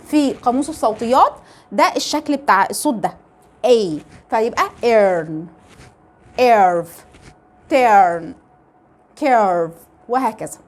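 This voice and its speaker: A woman with an Egyptian Arabic accent teaching English pronunciation, explaining step by step and asking rhetorical questions. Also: sits high. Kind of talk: phonetics lesson.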